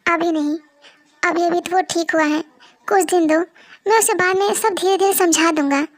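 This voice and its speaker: A woman playing a calm middle-aged father. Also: very high voice, normal speed, dry recording, studio quality. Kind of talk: dramatic fan story reading. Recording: soft music behind.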